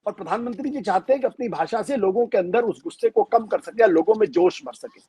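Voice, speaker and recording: A man with a husky, fairly high voice, analyzing politics in an interview. He talks in a measured way, leaning hard on key points and pausing on fillers. The sound is dry and close. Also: lively intonation, warm tone, no echo. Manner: measured, emphatic, frequent fillers and restarts. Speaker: political commentator.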